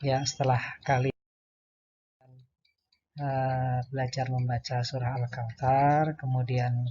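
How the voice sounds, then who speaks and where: A man teaching young children to recite verses, chanting each line slowly and then explaining the pronunciation patiently. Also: medium pitch, little pitch movement, dark tone, muffled recording, slight background noise. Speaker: primary school religion teacher. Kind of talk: slow recitation lesson for children.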